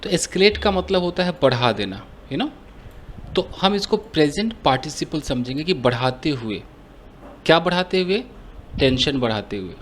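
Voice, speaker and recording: A man's voice: fairly high pitch, big pitch swings, a bit bright, slight background noise. A man from India teaching English grammar in Hindi, explaining step by step, asking and answering his own questions. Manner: slows down to read English phrases aloud.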